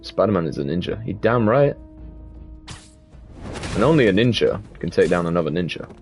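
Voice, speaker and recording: Deep-voiced swearing game streamer man. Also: expressive, moderate pace, vocal fry, a little mellow. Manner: joking and profane. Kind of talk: casual gameplay commentary. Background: game music.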